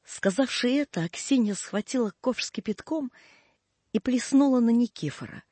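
A man reading a classic story aloud in measured scripted narration. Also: very high-pitched, expressive, warm tone, breathy edge, no echo. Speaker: audiobook narrator.

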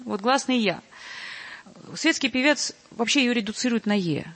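A woman giving a measured, deliberate lecture and reading quotations aloud. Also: a little high, expressive, fairly bright tone, in a large hall. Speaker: lecturer on church choir singing.

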